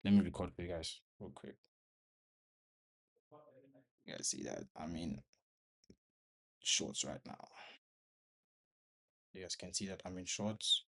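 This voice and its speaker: A man's voice: low-pitched, slow, gravelly, pauses often, fairly bright tone. A young man recording a casual trading vlog at home, talking viewers through his trade in short broken phrases and a little out of breath. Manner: talks to viewers while watching the screen, in short broken phrases. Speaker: trading vlogger. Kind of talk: casual live commentary. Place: bedroom at home.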